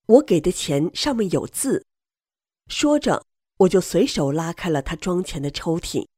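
A woman reading a first-person story aloud in a slow, measured storytelling manner. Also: on the low side, a little mellow, no echo, clean studio sound. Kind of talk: scripted narration.

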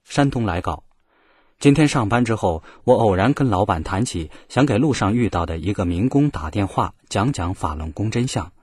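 A man reading a submitted first-person letter in a plain, measured way. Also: lowish voice, expressive, a little mellow, breathy edge, dry recording, clean studio sound. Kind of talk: scripted first-person narration.

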